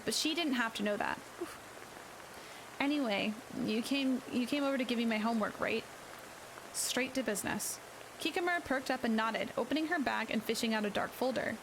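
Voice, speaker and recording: A woman reads her own novel in a hushed, whispered role-play, her voice sitting slightly high and gentle. She narrates in a quiet first-person tone, with faint rain and a crackling fire behind her. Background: rain and crackling fireplace.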